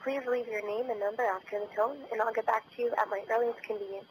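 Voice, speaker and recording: Woman's brisk answering machine greeting. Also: on the high side, fairly even intonation, slight background noise, rough recording. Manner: polite, brisk. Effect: recorded answering machine greeting. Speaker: phone owner. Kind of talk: recorded voicemail greeting.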